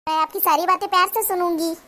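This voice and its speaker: A woman voicing a sharp-tongued young daughter-in-law who talks back in a cartoon. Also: very high voice, steady tone, quick pace. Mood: reasoning. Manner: retorting, argumentative. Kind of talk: cartoon voice acting.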